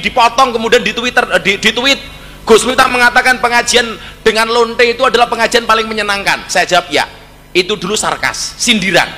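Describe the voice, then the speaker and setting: A man with a Javanese accent gives a joking, story-filled sermon in a voice that is high and very bright. His words ring out with a long reverb behind them, and he keeps mixing in Javanese. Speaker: preacher. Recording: hall reverb.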